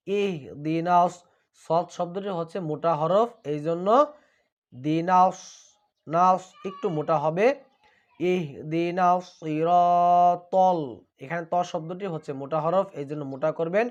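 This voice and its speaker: A man teaching Quran recitation, who draws out each verse slowly and then explains the pronunciation in quicker asides, often calling listeners brother. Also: high-pitched, fairly even intonation, dull audio. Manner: slow drawn-out recitation between brisk explanations; addresses listeners as brother, repeats to drill. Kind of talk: spelling out and reciting verses for learners.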